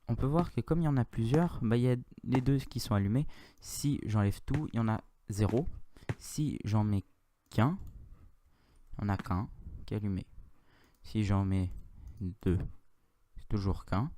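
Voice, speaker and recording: Speaking with a French accent, a man records a relaxed, meandering Minecraft tutorial full of self-corrections and asides. His voice is fairly low and dark, the recording has no room sound, and his mouse and keyboard clicks come through.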